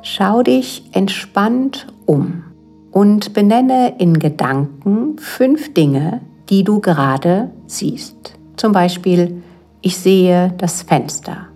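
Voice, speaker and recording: A woman leading a guided mindfulness exercise as a yoga guide, speaking calmly and gently with unhurried pauses. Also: mid-range voice. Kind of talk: guided meditation narration. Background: soft relaxation music.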